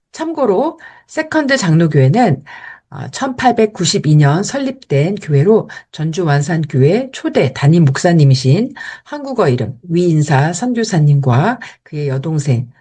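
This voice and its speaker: A woman who interprets sermons, calmly and carefully explaining how she prepared for interpreting a church service. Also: deep voice, slightly rough. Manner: measured and careful, even explaining. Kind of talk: explanatory talk.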